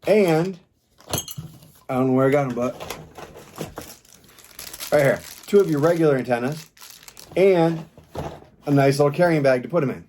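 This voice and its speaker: Speaking at normal speed in a slightly high, a little mellow voice, a man pauses often as he gives an unscripted, rambling product review in plain, informal terms. Background noise and clicks are audible in an otherwise clear recording.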